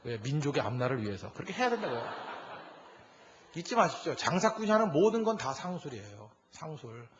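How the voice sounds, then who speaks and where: A man's voice: on the high side, fairly quick, lo-fi sound, crowd noise. A man preaching a sermon as a pastor, telling stories animatedly and acting out dialogue. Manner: animated storytelling with acted-out dialogue.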